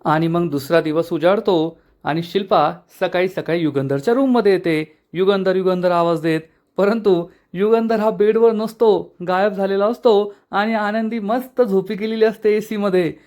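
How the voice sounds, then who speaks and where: A man's voice: high-pitched, normal speed, hardly any pauses. A man narrating an episode recap of a TV serial, telling the story with quoted dialogue. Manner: animated storytelling, quoting dialogue. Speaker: TV serial reviewer.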